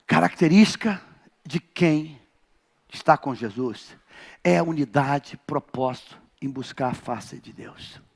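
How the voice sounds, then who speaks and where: Dramatic storytelling fills this sermon from a male pastor in a big church, his Rio de Janeiro Portuguese accent clear as he moves from shouting to near-whispering. He takes his time, and his rather high voice is gravelly and slightly rough.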